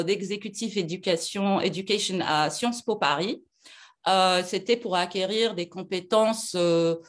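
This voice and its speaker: A middle-aged woman from Algeria, a lawyer being interviewed, talking with many fillers and restarts. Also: fairly low pitch. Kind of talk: casual interview talk.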